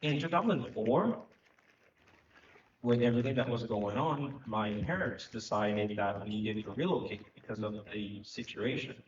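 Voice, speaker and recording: A man's voice: mid-range voice, animated, noisy background. Earnest man in an echoey hall. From Haiti. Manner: earnest, reflective, with frequent filler pauses. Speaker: panel speaker, economic development director. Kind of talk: conference panel talk. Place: conference hall at a live event. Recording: echoey, distant, muffled hall recording.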